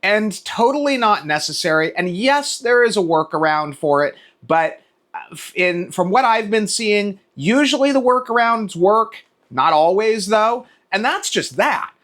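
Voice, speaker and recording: A man with a high-pitched voice delivers an exasperated, off-the-cuff rant. His intonation swings widely as he hammers points home, restarting and repeating words for emphasis. His language is casual and peppered with swearing. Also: animated, a little slow, a bit bright. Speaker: video creator.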